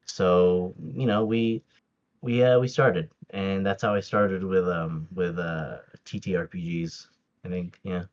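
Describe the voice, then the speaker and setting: A man with a low, steady, slightly mellow voice talks a little slowly on a muffled recording. He's a podcast guest in a casual interview chat, and his first language is Tagalog. Many fillers and restarts mark his hesitant speech, and he laughs often.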